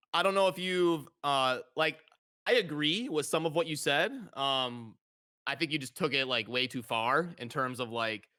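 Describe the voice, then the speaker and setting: A man's voice: mid-range voice, sharp tone, clean tone. A man hosting a casual conversational debate, often repeating words as he gets his point out. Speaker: streamer hosting a debate, content creator.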